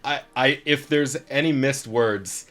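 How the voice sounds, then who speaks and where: A man's voice: medium pitch, unhurried, a bit bright. A young man hosting a casual interview and song game, upbeat and teasing, talking at length. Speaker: show host.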